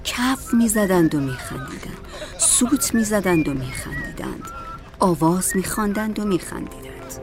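A woman narrating a story as an audiobook in a calm, measured way. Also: mid-range voice, music in the background.

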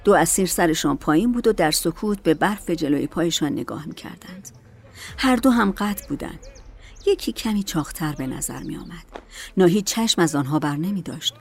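A woman narrating a dramatic story in a measured, soft manner. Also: fairly low pitch, lively intonation.

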